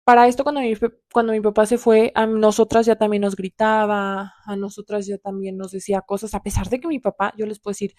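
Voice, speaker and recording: A woman's voice: mid-range voice, level tone, fairly quick, hardly any pauses, a little mellow, no echo, clean studio sound. A young woman with a Mexican accent tells a personal story to her viewers, heartfelt and calling out to them as friends. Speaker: vlogger.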